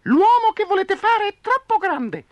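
A man voicing a tiny male mouse in a storybook tale, in a very high squeak. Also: very animated, a little slow, no echo, heavily acted. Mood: demanding.

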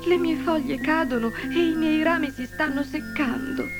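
Lady putting on a high whiny little fir tree, sing-songy, storybook voice, music behind. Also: moderate pace, lightly acted. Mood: sobbing. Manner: high, plaintive, sing-song. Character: young female fir tree, fretful and proud. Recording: music playing underneath.

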